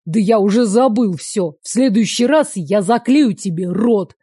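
A woman voicing a gruff young boyfriend. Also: mid-range voice, lively intonation, measured pace, mellow, no echo, clean studio sound. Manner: curt, rough-spoken.

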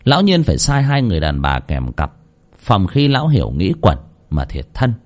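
A man's voice: low voice, huge pitch swings, moderate pace, darkish tone. A man reading a horror story aloud in a dramatic, vivid narration.

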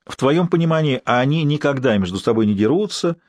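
A man's voice: mid-range voice, animated, a little fast, no room sound, studio quality, voice pushed up, natural voice. Man reading a teasing, lecturing professor. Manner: lecturing, cheerfully scolding. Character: brisk, teasing male professor and personal doctor.

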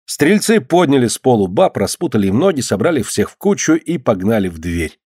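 A man's voice: mid-range voice, sing-song, fairly quick, darkish tone, husky, dry recording. Male audiobook reader, dry close voice. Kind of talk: scripted narration.

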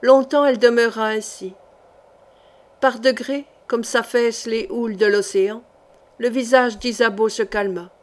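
A woman's voice: a little high, fairly even intonation, measured pace. Woman narrating a dramatic novel. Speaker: audiobook narrator. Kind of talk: reading a historical novel aloud.

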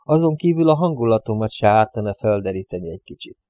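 A man doing a composed, polite grown man in an audiobook scene, speaking in a measured way. The voice is warm and mellow, and the sound is close and dry with no room behind it. It stays near the reader's own voice. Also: lowish voice, animated, no room sound, highs cut off, close to an everyday voice.

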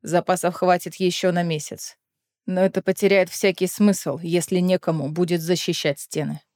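A woman reading an audiobook, voicing an old male dignitary who speaks in a grave, measured way. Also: lowish voice, level tone, darkish tone, no echo, studio quality, voice pushed down, lightly acted. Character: old male dignitary, calm, iron composure.

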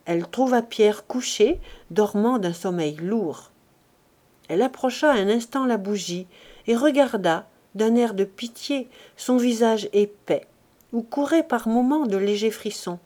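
Woman narrating a classic novel. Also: fairly high pitch. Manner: measured, expressive reading. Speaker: audiobook reader. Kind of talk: literary audiobook narration.

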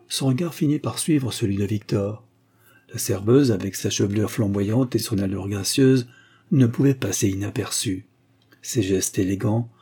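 A man narrating an audiobook in measured, steady storytelling. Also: fairly low pitch, slightly rough. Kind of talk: scripted narration.

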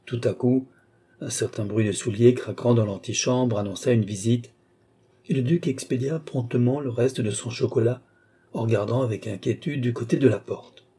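A man reading a classic novel aloud in a measured, even narration. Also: medium pitch, slightly rough. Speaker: audiobook narrator. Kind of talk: scripted narration.

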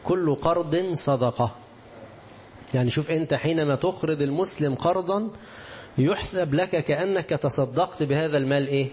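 A man's voice: fairly high pitch, fast talker, darkish tone, breathy edge. A man with an Egyptian accent teaching a religious lesson on hadith, explaining with everyday examples and rhetorical questions to his listeners. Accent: Egyptian Arabic.

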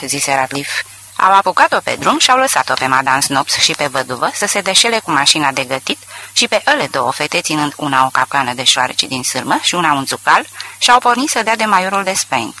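A man narrating a literary audiobook in an expressive storytelling manner. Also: medium pitch, poor audio.

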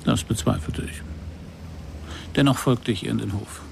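He is the narrator and lead actor in a radio crime drama, playing an observant, unruffled private detective. His gravelly voice runs on the low side with a darkish tone at normal speed, delivered in a dry, wry but polite way over a faint background noise.

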